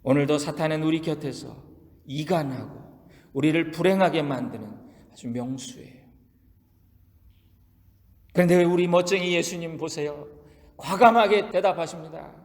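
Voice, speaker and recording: High-voiced Korean pastor preaching. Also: male voice, normal speed, pauses often, darkish tone. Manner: emphatic, rhetorical questions to congregation. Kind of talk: sermon. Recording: long reverb of a large hall.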